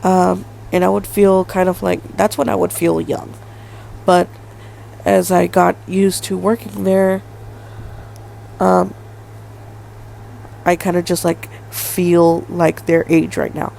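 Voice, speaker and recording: A woman's voice: on the low side, flat delivery, slow pace, creaky, pauses often, warm tone, slight background noise, poor audio. A woman in her twenties hosting a solo podcast, talking in a rambling way with lots of fillers and hedges. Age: 20s. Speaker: podcast host. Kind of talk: casual solo podcast monologue.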